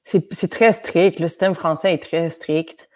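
A young woman with a Québécois French accent colored by traces of France, speaking in a slightly low voice. She talks casually as an interview guest, chatty and self-deprecating. Her speech is full of fillers and quick restarts. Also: fairly even intonation, a little mellow. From grew up between France and Quebec.

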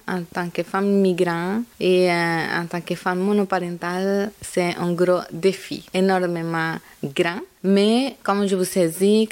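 A woman from Colombia with a marked Latin American Spanish accent, a native Spanish speaker answering interview questions earnestly, with frequent hesitations. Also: lowish voice.

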